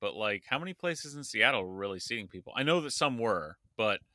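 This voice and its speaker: A man talks casually on a podcast, blunt and given to sarcastic swearing. His voice sits a little low yet sounds bright and forward. The recording is dry and close. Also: expressive, a little fast, no room sound. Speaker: podcast co-host. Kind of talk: casual political chat.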